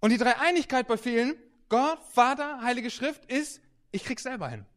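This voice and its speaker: High-voiced animated preacher. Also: male voice, moderate pace. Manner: animated, swings between soft and loud, storytelling. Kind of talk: sermon with anecdotes.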